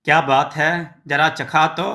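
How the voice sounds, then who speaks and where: A hearty, easygoing village neighbor man, friendly and sympathetic, as a male narrator puts him on. He speaks slowly in a bright, slightly high voice. He suits a storybook tale. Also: fairly even intonation, full character voice.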